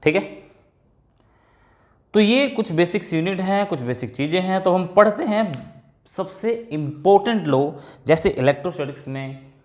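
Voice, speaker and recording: A man with a fairly high, lively voice teaches a physics lesson. He explains step by step and repeats each key term. The room around him is echoey. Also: moderate pace, pauses often. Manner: explains step by step, repeats key terms, mixes Hindi and English. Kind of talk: classroom physics lecture.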